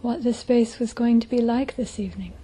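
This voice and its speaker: Fairly high and steady in tone, a woman's gentle voice leads a guided meditation. As the teacher, she speaks softly and breathily, almost in a hush, with long pauses.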